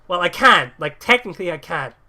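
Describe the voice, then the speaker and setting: Animated and forceful, with a high, bright voice at normal speed, an early-twenties man hosts a casual podcast despite a sniffly cold. He rambles, laughs often, and swears freely.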